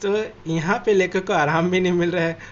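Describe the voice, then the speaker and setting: A man's voice: high-pitched, fairly even intonation, fairly quick. A man teacher reads a textbook passage aloud, then explains it line by line and glosses the harder words. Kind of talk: reading and explaining a textbook lesson. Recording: dull lo-fi audio with faint noise.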